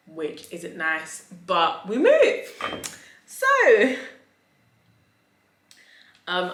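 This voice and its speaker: A woman with a slightly low voice chats through a restaurant review in a casual vlog style. Her delivery is campy and theatrical, stretching and stressing key words. The recording is noticeably roomy and echoey. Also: a bit bright. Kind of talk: casual, chatty video review.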